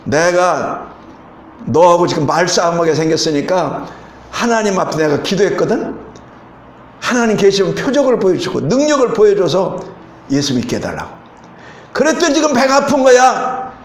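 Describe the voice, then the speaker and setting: Korean pastor preaching in an echoey hall. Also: male voice, sits high, big pitch swings, normal speed. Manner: storytelling with rising emphasis and rhetorical questions. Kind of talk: sermon.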